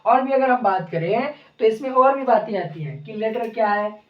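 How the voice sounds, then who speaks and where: A woman's voice: a little high, lively intonation, normal speed. A woman teaching a beginners' language lesson, explaining step by step and answering her own questions. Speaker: English teacher. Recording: echoey room, distant mic, dull sound.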